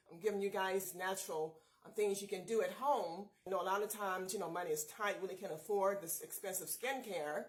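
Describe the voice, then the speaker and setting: A woman's voice: mid-range voice, a bit bright, rough recording. A woman hosting a casual skincare tutorial vlog. She is chatty and upbeat, often talking straight to her viewers as "you guys". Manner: upbeat, encouraging pep talk. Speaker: beauty vlogger host.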